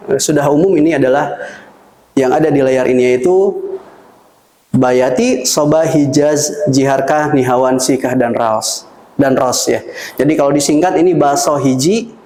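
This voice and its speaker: A man's voice: on the high side, moderate pace, mellow, reverberant, poor audio. A man teaching Quran recitation melodies, explaining patiently and singing short demonstrations for listeners to repeat.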